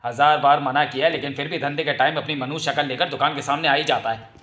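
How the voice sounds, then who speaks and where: A man's voice: on the high side, fairly even intonation, fast, bright, forceful tone, slight background noise. A man voicing a heartless shopkeeper who speaks in a dismissive, scornful way. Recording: roomy echo.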